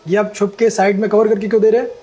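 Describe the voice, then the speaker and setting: A man's voice: high voice, little pitch movement, rapid-fire, darkish tone, faint music behind. A man playing a customer who becomes a doctor, lecturing earnestly and with reproach in a short social-message skit.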